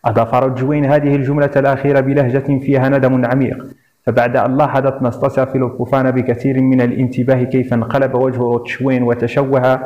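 A man reading a novel aloud as an audiobook narrator in a steady, even way, with a dull lo-fi sound. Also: mid-range voice, fast. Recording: dull lo-fi recording.

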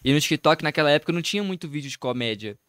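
A young man, a guest in a casual interview, relaxed and quick to laugh as he chats in slang. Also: a little high, clean tone, dry recording, clean studio sound. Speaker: guest, comedy content creator.

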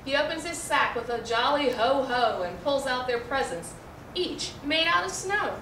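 A middle-aged American librarian with a high, bright voice reads a picture book aloud at a normal speed, articulating carefully and expressively. She sits indoors before a backdrop, recorded from a distant mic in an echoey, roomy space with faint noise.

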